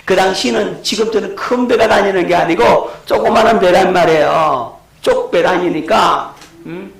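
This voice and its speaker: A man's voice: sits high, normal speed, vocal fry, roomy sound, rough recording. A middle-aged male pastor, preaching a lecture-style sermon and asking his congregation questions. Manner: rhetorical questions to the congregation, shouting acted quotes.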